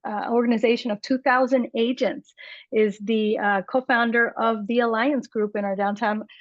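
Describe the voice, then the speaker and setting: A woman's voice: on the high side, fairly even intonation, normal speed, no echo. A woman hosting a weekly call, enthusiastically introducing a guest speaker with fillers. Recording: dull, dry call audio.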